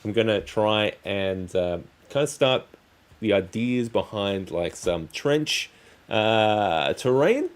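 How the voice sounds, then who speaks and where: Low-pitched man, rambling casually. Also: lively intonation. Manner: rambling, halting, trailing phrases. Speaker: streamer, crafting channel host. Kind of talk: casual livestream chat while crafting.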